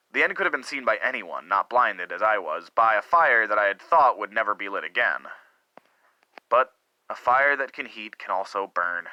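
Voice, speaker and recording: Voicing a middle-aged husband who confesses to a torrid affair, a man reads a melodramatic story in an obsessed, confessional mood. He speaks low, with striking sharpness and force, theatrical and earnest, building dramatic pauses and swells. The recording is dry and rough.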